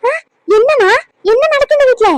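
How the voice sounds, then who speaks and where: A woman playing a meddling neighbour who pries into a family quarrel and scolds with sharp, rapid questions. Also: extremely high pitch, dry recording, rough recording. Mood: scolding.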